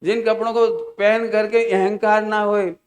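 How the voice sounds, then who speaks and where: A man preaching a Jain sermon, lively and storytelling, acting out quoted voices and chanting verse lines slowly. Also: high voice. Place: large hall, camp gathering.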